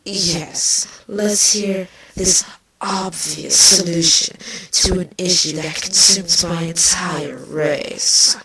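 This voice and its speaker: Haughty, slow-talking villain queen, low voice. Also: fairly even intonation, pushed and bright, heavily acted. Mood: disdainful, scornful. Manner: haughty, slow, drawn-out delivery. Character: villainous changeling insect queen, proud, bitter and defensive. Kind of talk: fan fiction voice acting.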